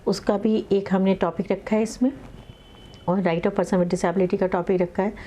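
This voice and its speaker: A middle-aged woman lawyer explaining a project in an interview, speaking in a measured way with many pauses and English legal terms. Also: medium pitch, little pitch movement, mellow, a little hiss or hum.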